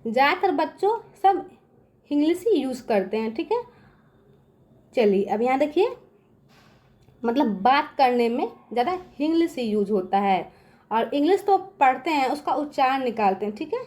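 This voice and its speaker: A woman's voice: sits high, very animated, a little mellow. A woman teaching an English phonics lesson in a patient classroom manner, often checking whether the children follow and dragging out sounds as she spells words. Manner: slows down and stretches sounds to spell out words letter by letter. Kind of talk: classroom-style lesson explaining phonics rules.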